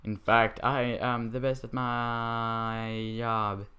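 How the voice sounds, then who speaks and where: A man's voice: mid-range voice, flat delivery, drawn-out words, bright, forceful tone, clear, resonant tone. A man giving goofy, playful, rambling let's play commentary as he plays. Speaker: gamer.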